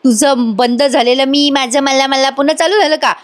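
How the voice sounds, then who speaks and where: A woman's voice: sits high, steady tone, moderate pace, natural voice. A woman voicing a fiery, stubborn young woman who is a designer, talking back in a defiant way. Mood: quarrelsome. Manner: quarrelsome, defiant.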